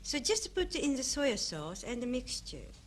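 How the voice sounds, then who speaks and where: A woman's voice: high voice, big pitch swings, unhurried, a little hiss or hum. Polite woman giving short answers. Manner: brief, polite replies. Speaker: guest cook.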